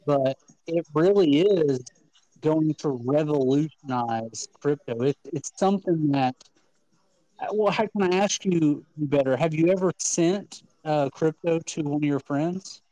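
A man's voice: on the high side, unhurried, warm tone, no room sound, low-quality recording. A man co-hosting an online audio talk show, speaking in a casual, enthusiastic and persuasive way with frequent restarts. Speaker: co-host of a crypto talk show. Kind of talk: casual chat.

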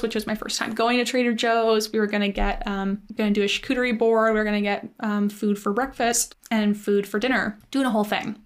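A young woman casually telling a story, chatty and full of "like" fillers, animated in her retelling. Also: a little high.

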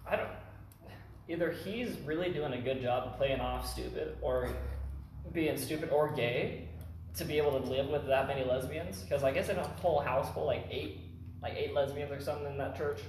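A man's voice: a little high, normal speed, a little mellow. A young man in casual podcast banter, joking and playful. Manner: joking, playful, laughs often. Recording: echoey room, distant mic, noisy.

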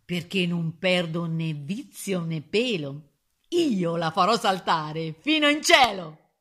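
Lady doing a greedy big bad wolf, slow and growly, bright voice swooping around. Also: medium pitch, very animated, heavily acted. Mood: menacing.

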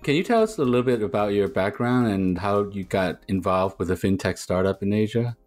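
Male podcast host, low voice, measured reads, stop-start questions. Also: expressive, darkish tone, soft background music. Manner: measured reading, halting when asking questions. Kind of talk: read intro then interview questions.

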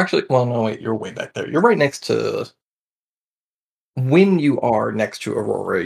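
A man narrating as game master in a tabletop game, relaxed and hesitant, with many fillers. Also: mid-range voice, gravelly, husky.

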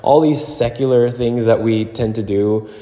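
A man hosting a show, talking casually and off the cuff in a halting, thinking-aloud way, recorded in an echoing gym. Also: mid-range voice, steady tone, mellow. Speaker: podcast host and relationship coach. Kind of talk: casual solo talk, unscripted. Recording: very echoey gym, long reverb.

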